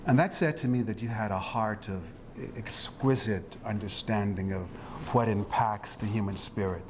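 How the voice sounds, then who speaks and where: A man with a lowish voice interviews a guest in a reflective, halting manner, often using fillers and restarting his sentences. Background noise can be heard.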